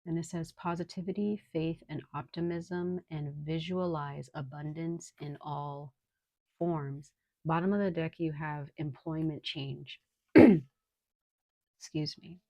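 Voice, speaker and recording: A woman with a cold reads tarot casually for her viewers in a low, slightly hoarse, somewhat mellow voice with fairly even intonation. She's unhurried and reassuring, filling pauses with "um." The audio is dry and close, without room echo.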